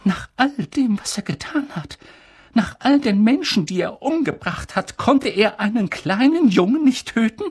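A reader voicing a stern older female professor, speaking high, strained and urgent in an audiobook. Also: expressive, measured pace, husky. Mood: shaken. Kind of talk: audiobook character reading.

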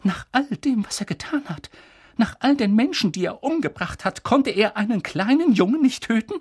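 A reader voicing a stern older female witch professor, high-pitched and urgent, with a husky edge. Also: lively intonation, moderate pace, dry recording, clean studio sound. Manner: urgent, pressing, high and insistent.

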